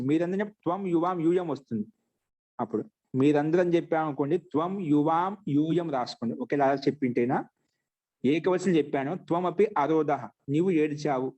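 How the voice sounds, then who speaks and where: A man's voice: on the high side, mellow. Patient man teaching in a raised voice. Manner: repeats phrases slowly for students to write. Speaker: Sanskrit teacher. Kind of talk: online grammar class.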